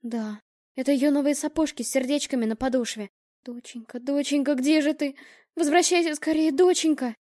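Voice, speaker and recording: A woman's voice: fairly high pitch, brisk, darkish tone, dry recording, studio quality, lightly acted. A woman voicing a frantic mother of a missing girl, tearful and pleading. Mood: desperate.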